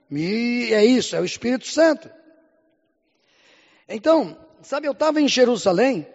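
A Brazilian man preaching a sermon in Portuguese, often calling out "Amém?" and "Glória a Deus", swinging between loud and hushed lines. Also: sits high. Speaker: pastor. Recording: muffled sound with long hall reverb.

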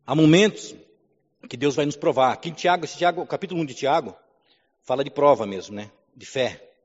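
A man's voice: fairly high pitch, a little fast. Man preaching in an echoing church hall. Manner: preaching with rising emphasis, calls of amen. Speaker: pastor. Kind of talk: sermon. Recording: dull sound with long hall reverb.

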